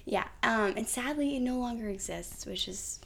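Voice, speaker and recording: A woman's voice: fairly high pitch, moderate pace, gravelly, noisy background. A woman in her thirties hosting a podcast, chatting casually with her husband and telling their story with frequent laughs. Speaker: podcast host.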